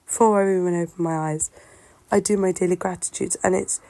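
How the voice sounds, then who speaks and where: Woman, lowish creaky voice with a sore-throat sound, for a halting, reflective solo monologue. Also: fairly even intonation, dark tone, dry recording. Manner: halting, musing, self-questioning. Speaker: solo host of a personal talk show.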